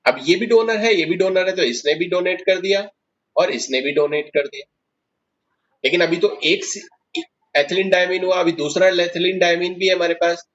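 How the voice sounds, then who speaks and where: A man's voice: sits high, moderate pace, fairly bright tone, highs cut off. A man teaching chemistry in a classroom lecture, explaining step by step and putting questions to his students.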